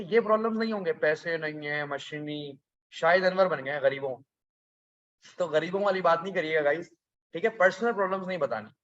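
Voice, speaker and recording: A man's voice: high voice, a bit bright, highs cut off. A male geography teacher, lecturing a class in a chatty, teasing way and repeating the key points. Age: adult, past school age.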